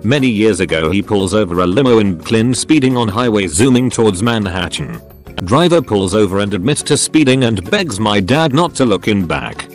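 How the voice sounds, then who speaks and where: A man with a lowish voice narrating a string of short online stories. His reading is steady and matter-of-fact, moving from post to post without fuss. Quiet background music sits faintly under him. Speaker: narrator of forum posts. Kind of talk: scripted narration.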